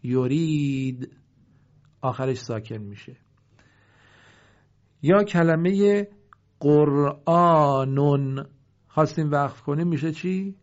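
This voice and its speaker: A man teaching the rules of pausing in Quran recitation. He draws out each example word slowly, then asks what it becomes and answers himself. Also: on the high side, expressive, darkish tone, dull audio.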